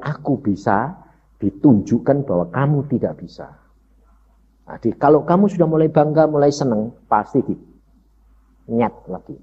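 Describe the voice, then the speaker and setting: In dull, lo-fi sermon audio, a man shares a personal testimony while addressing the congregation directly. His voice is a little high yet dark-toned, with a breathy edge.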